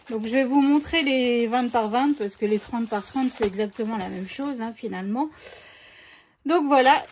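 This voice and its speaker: A woman's voice: high-pitched, slight background noise. A woman casually presenting craft papers to her viewers in a chatty unboxing video, often hesitating with fillers as she talks. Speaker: scrapbooking vlogger showing craft papers.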